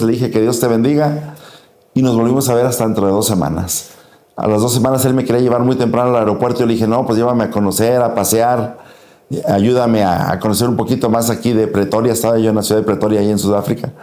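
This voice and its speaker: Middle-aged mexican guy, mexican spanish accent, warm mellow voice, tells his faith story earnestly, echoey room. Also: medium pitch, steady tone, quick pace. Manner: earnest storytelling, acting out dialogue. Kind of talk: personal testimony talk.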